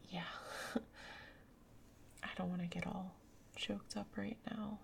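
A woman whispering softly in a gentle, soothing ASMR roleplay as a caring girlfriend. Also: medium pitch, flat delivery, slow pace, creaky, slight background noise. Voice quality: soft whispery. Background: rain sounds.

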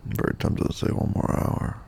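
A man in an intimate audio roleplay, sleepy and hungover, murmuring and whispering softly as if half asleep. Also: brisk, slight background noise.

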